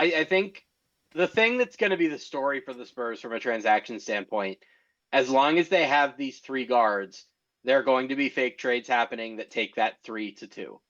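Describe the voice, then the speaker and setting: A man's voice: mid-range voice, bright, forceful tone. A man giving casual, opinionated basketball analysis as a podcast co-host, explaining his points with emphasis. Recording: dull, muffled lo-fi audio.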